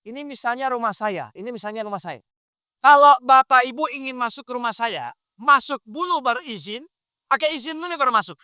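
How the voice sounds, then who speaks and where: A preacher in full flow, teaching a live audience with a steady stream of questions. His voice is bright and crisp, and the recording is dry and close. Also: very high-pitched, a little fast, no echo. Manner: animated, quizzes the audience with questions. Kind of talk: lively interactive sermon.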